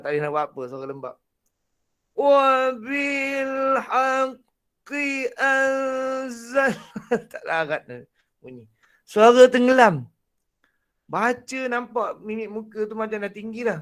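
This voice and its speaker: Man, Malaysian Malay accent, husky breathy voice, animated teacher, fairly high voice. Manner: animated, laughs often, demonstrates voices. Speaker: Quran recitation instructor. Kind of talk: online lecture.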